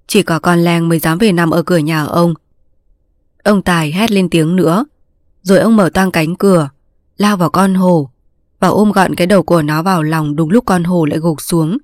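A woman reads a story aloud in a steady, measured way. Her voice sits low. The sound is dry and close, with no room around it. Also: no echo. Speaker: narrator. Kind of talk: scripted story narration.

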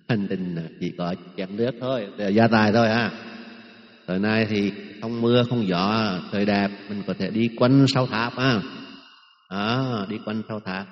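A man's voice: fairly low pitch, a little slow. A man giving informal dharma teaching on chanting at a retreat, chatty and repeating words as he searches for them. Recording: echoey hall, dull lo-fi sound, faint music.

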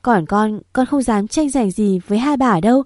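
A woman's voice: on the high side, normal speed, a little mellow, no room sound, studio quality, natural voice. A woman voicing a young pregnant servant woman who begs through tears, with a choked voice, in a storybook reading. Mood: pleading, tearful. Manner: choked, begging. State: crying.

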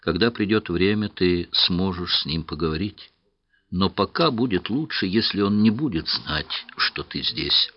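A man with a deep voice plays a calm young woman who knows more than she says. She speaks quietly, gently and with a touch of sorrow. The audiobook recording sounds a little muffled. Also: unhurried. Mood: gentle. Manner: soft, hushed delivery.

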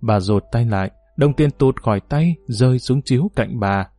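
A man narrating a novel as an audiobook, reading in an expressive storytelling manner. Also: mid-range voice, normal speed, dry recording, soft background music.

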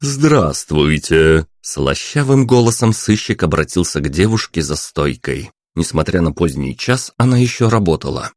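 A male narrator reading a story aloud in a steady, measured way. His voice sits very low and deep, and the recording is close and completely dry with no room sound. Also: no room sound. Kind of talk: audiobook narration.

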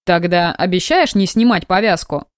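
A woman reading the lines of a lazy, mocking male mage mentor in an audiobook, in a drawling, unhurried way. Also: on the low side, animated, smooth, dry recording, studio quality, natural voice. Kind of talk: audiobook character voice.

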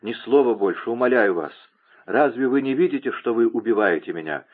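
Мужчина-чтец озвучивает отчаявшуюся молодую влюблённую девушку, страстно умоляющую. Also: male voice, medium pitch, expressive, brisk, husky. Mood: pleading. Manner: impassioned, pleading. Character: young woman, distraught, pleading lover. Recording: narrow phone-like lo-fi sound.

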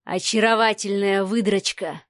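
A woman voicing a relaxed, cocky man who teases calmly, in an audiobook. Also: mid-range voice, moderate pace, dry recording, studio quality, close to an everyday voice. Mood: teasing. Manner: calm, teasing. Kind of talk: audiobook character voice.

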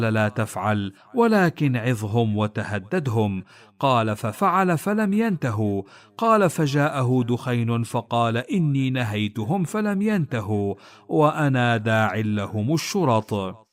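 A man reading religious narrations aloud in a formal, measured, solemn recitation. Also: mid-range voice. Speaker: reader of hadith texts.

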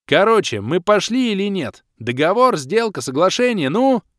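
A man's voice: a little high, very animated, normal speed, no echo, studio quality, voice pushed up. A man voicing a cocky young male rogue who bargains in a brash, mocking, pushy way, in an audiobook reading.

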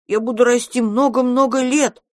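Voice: mid-range voice, fairly even intonation, moderate pace, dry recording, clean studio sound, pitched above the performer's own voice, natural voice. A reader voicing a small, jealous young dragon who talks in an indignant, sulky way in an audiobook. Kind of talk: audiobook character reading.

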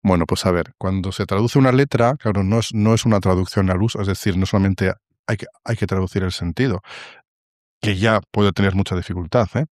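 A man answering interview questions, often restarting and filling pauses as he explains. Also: low-pitched, darkish tone, dry recording, clean studio sound. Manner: hesitant, many restarts and fillers. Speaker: guest, song translation author. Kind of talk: interview conversation.

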